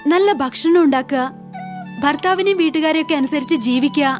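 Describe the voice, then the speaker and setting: An actress playing a young bride-to-be who answers her elder brother softly and hesitantly. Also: high-pitched, a little fast, music in the background, lightly acted. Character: young bride-to-be, his shy younger sister. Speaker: younger sister.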